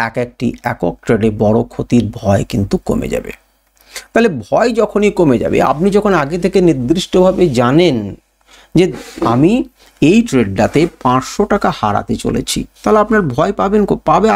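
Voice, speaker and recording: Male trading teacher, Bengali accent, gravelly and animated; asks rhetorical questions and repeats key points. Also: mid-range voice. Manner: rhetorical questions he answers himself. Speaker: trading educator. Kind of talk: spoken tutorial.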